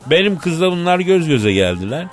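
A man hosting a comedy radio show, telling a story in a theatrical, slangy way that swings between mock sorrow and excitement. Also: a little high, normal speed, soft background music. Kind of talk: comic storytelling in a radio sketch.

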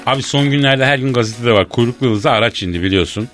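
A man hosting a radio comedy show, bantering loudly and staging a mock phone call in a teasing, mock-indignant way. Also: mid-range voice, quick pace, music in the background.

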